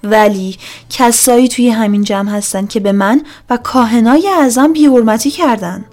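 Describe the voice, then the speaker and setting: A woman's voice: fairly high pitch, natural voice. A woman playing a thundering cult priestess. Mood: proclaiming. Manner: loud, commanding, preaching. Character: domineering woman cult leader posing as a goddess.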